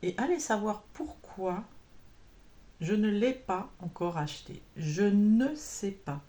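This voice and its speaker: A woman's voice: mid-range voice, expressive, takes it slowly, warm tone. A woman vlogging about cross-stitch in a chatty, rambling way, full of fillers and self-corrections. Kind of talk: casual chat to camera.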